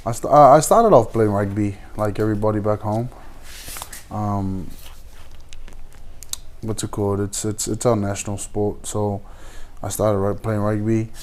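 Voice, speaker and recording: A young man from Samoa with a low voice talks casually about his career as a pro boxer. He speaks haltingly, stopping and restarting often and reaching for his words. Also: fairly even intonation, a little mellow. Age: 20s. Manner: halting, many fillers and restarts. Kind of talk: casual interview.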